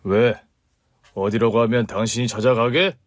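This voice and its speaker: A man's voice: medium pitch, fairly even intonation, moderate pace, no echo, natural voice. A cold, irritable middle-aged father snaps and scolds with open contempt, as a man acts him out. The voice is dry and close. It is a radio-drama story. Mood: contemptuous.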